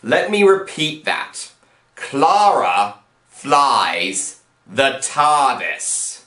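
Sarcastic exasperated male reviewer. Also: mid-range voice. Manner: sarcastic, exasperated, rising to shouts. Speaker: host and reviewer. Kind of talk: comedic review. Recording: roomy echo.

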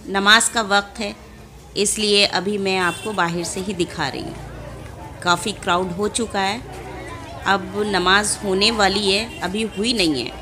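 A young woman addresses her viewers chattily while filming a casual travel vlog outdoors in a large mosque courtyard, phone held at arm's length. Her medium-pitched voice is pushed and bright, with fairly even intonation and a slightly slow pace. The phone recording is noisy.

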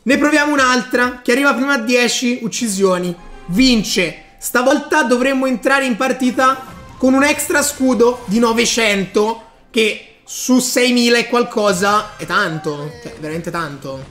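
A man giving excitable live commentary over his own gameplay, breaking into bursts of hype and talking straight to his viewers. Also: very high-pitched, measured pace, faint music behind. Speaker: gaming YouTuber.

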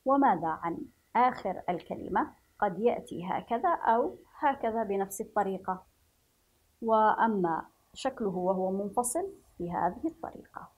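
Woman teacher, breathy voice, stretches syllables slowly for young children. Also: medium pitch, lively intonation, narrow, tinny audio. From Yemen. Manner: slow drawn-out syllables, praising pupils. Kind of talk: children's reading lesson.

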